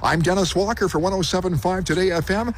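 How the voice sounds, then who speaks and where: Higher-voiced radio man, noisy live remote. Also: fast. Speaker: radio host on a remote broadcast. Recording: noisy on-location broadcast.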